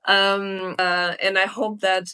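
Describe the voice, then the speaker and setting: A young woman from Portugal, a sales hiring expert, telling her story in a lively, conversational interview with many fillers. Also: mid-range voice, slow, smooth. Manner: lively storytelling with frequent fillers and self-corrections.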